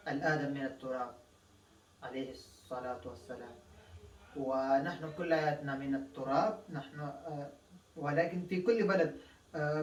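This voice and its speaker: A man's voice: on the high side, recorded from a distance. Man teaching in an echoey room. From Afghanistan. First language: Pashto. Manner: explains slowly, with many drawn-out fillers and repetitions. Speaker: language teacher. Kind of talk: casual spoken lesson.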